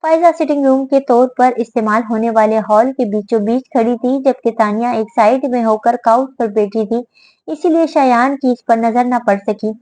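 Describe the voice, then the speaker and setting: A woman reading a romance novel aloud in a steady storytelling delivery. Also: a little high, normal speed, dry recording, low-quality recording. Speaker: narrator. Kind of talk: scripted audiobook narration.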